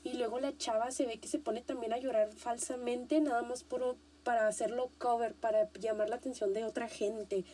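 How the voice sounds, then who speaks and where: A young Mexican woman hosting a casual podcast, animated and slangy, repeating herself for emphasis. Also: on the high side, normal speed, hardly any pauses, slight background noise. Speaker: podcast host.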